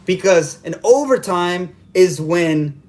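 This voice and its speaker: This live stream fan host speaks into a vertical phone camera in a high, animated yet slow voice with a darkish tone, over a little hiss or hum. Exasperated after the game, he rants through repeated rhetorical questions.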